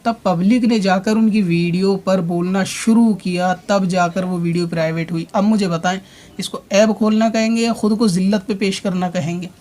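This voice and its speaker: A man's voice: high-pitched, fairly even intonation, a little mellow. A man speaking a long rebuttal monologue as a religious online commentator, addressing his opponent directly and repeating his points as he argues. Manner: explains at length with repeated points.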